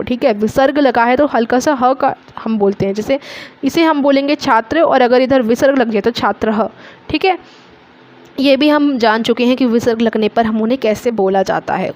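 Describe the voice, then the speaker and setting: A young woman teaching an online lesson, patiently spelling out word sounds and checking in with her students often. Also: a little high.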